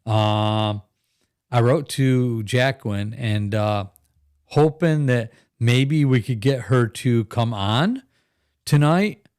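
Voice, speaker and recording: A man's voice: mid-range voice, slow pace, darkish tone, clean tone, no echo, studio quality. A middle-aged man hosting a live podcast stream in a rambling, chatty way, laughing often and reading viewer comments aloud. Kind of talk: casual live-stream chat.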